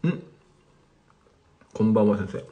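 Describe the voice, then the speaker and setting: A man's voice: fairly low pitch, animated, unhurried, dark tone, highs cut off. Chatty man hosting a livestream. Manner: chatty, reads out viewer comments and replies. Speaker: language teacher streaming live. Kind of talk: casual livestream chat with viewers.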